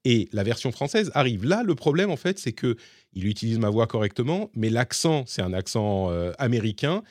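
A man's voice: mid-range voice, very animated, normal speed, a little mellow, dry recording, studio quality. A man with a slightly hybrid French accent co-hosting a casual tech podcast, explaining with many fillers and restarts. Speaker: podcast co-host.

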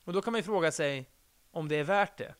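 On a podcast, a middle-aged man chats casually in a clean-toned voice that sits on the high side. He rambles, pokes fun at himself, and swears offhandedly.

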